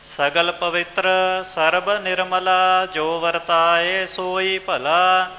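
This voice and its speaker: A man reciting scripture in a measured, sing-song chant. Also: sits high, level tone, bright, forceful tone, big-room sound, faint music behind.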